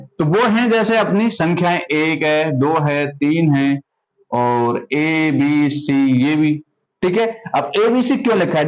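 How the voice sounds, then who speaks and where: A man with a high voice explains a maths lesson step by step. He keeps asking his students questions and then answers them himself. He checks in with them again and again as he goes. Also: low-quality recording. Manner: repeats "ठीक है" often, asks rhetorical questions. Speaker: maths teacher.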